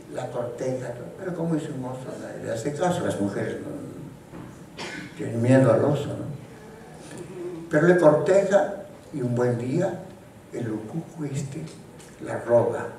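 A man's voice: mid-range voice, a little mellow. Older peruvian guy, painter telling an old myth, kinda wry, restarts a lot, far off the mic in a really echoey room. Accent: Peruvian Spanish. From Peru. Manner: wry, storytelling, with halting restarts. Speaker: painter speaking at a tribute. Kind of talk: informal talk retelling a folk myth. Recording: echoey hall from far off, faint noise.

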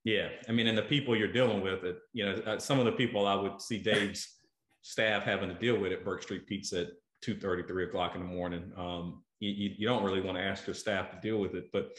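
A man's voice: low voice, steady tone, fairly quick, a bit bright. A middle-aged man, interviewing a guest over a video call, thinking aloud with many fillers and repeated words. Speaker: interviewer, food show host. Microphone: earbuds on a video call. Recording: roomy video call audio.

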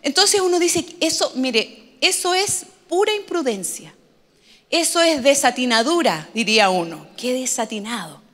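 A woman's voice: sits high, expressive, a little slow, a bit bright, big-room sound. A woman pastor, preaching a sermon in a conversational storytelling manner with humorous asides.

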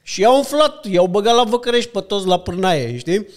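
A man chats as a podcast guest, spinning animated anecdotes between frequent filler sounds. His voice sits somewhat high and comes across smooth and resonant. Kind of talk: casual storytelling chat.

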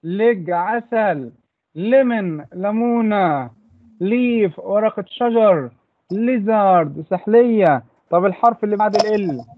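This man's voice sits high and sounds expressive and unhurried, with an Egyptian Arabic accent. Over a computer mic in an online lesson, he patiently repeats English letter sounds for children to echo, and the sound comes through like a phone call.

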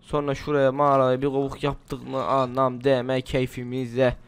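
His voice sits at medium pitch, monotone and clear with a resonant tone and some vocal fry, moving at a moderate pace. The man runs a gaming channel and, feeling a bit sick, chats and rambles to himself through a survival game.

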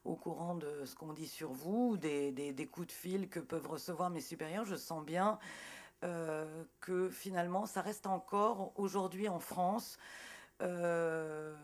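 A middle-aged woman speaking as a journalist on a conference panel in a large auditorium, reflective and halting, with many fillers. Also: lowish voice. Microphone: table microphone on gooseneck.

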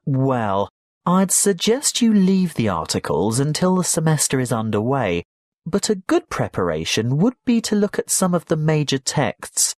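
A man playing a helpful university tutor in a scripted educational dialogue, advising clearly and instructively. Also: on the high side, sing-song, a little slow, a little mellow, dry recording, clean studio sound. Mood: helpful, advisory.

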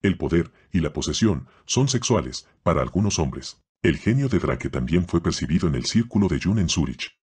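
A man narrating an audiobook in a steady, unhurried storytelling manner. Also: low-pitched, slightly rough.

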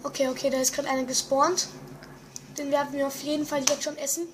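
A young gamer giving excited commentary, exclaiming often and muttering to themself. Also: sits high, fast, noisy background. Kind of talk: excited let's-play commentary.

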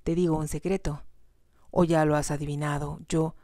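A woman's voice: sits low, flat delivery, moderate pace, warm tone, no echo, studio quality, natural voice. A woman reading aloud, voicing a reserved husband who speaks curtly and presses for answers. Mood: teasing. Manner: demanding, curt. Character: reserved, probing husband, man.

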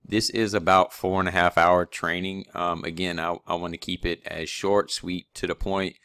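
A man's voice: low voice, little pitch movement, normal speed, sharp tone, smooth, no echo. A man, an online automation-training instructor, casually walks viewers through his course website with many fillers and restarts. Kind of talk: screen-recorded course walkthrough.

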